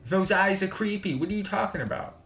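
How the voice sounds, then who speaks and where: A man reading game dialogue aloud, voicing excitable teenage schoolgirl classmates in a raised, squealing voice. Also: high voice, brisk, faint music behind, voice pushed up. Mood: excited.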